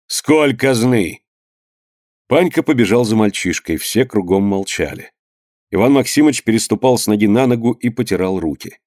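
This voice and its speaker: A man's voice: fairly low pitch, darkish tone, no echo. Brief: a male narrator reading a dramatic tale evenly, dry and close to the mic. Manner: measured, dramatic reading that voices the figures. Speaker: audiobook reader. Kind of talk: storytelling narration.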